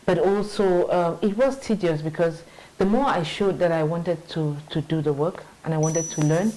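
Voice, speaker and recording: This interview guest, a middle-aged marketing manager and native English speaker, recounts her career in a conversational interview. She speaks at normal speed in a mellow voice on the low side, pausing to restart, saying "you know" often and laughing easily. The recording is low-quality.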